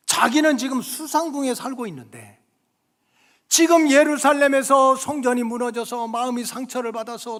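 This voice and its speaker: A middle-aged man preaching a sermon in a church, telling stories in a chatty way and checking in with the congregation, his delivery swinging between loud exclamations and hushed whispers. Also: very high voice. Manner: colloquial storytelling, frequent "응?" to the congregation. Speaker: pastor. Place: church sanctuary. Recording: long hall reverb of a church sanctuary.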